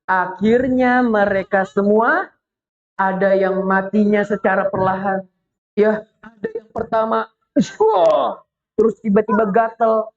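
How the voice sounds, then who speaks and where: Slow, playful woman telling a children's story. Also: mid-range voice. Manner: animated, playful, asks the children questions. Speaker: children's religious teacher. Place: mosque. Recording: dull lo-fi recording.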